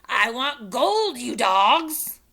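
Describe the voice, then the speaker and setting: A woman voicing a mean, greedy pirate captain who roars and growls his words slowly. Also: on the high side, very animated, gravelly, sharp tone, voice pushed up, exaggerated voice. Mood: roaring. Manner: roaring, drawn-out growls.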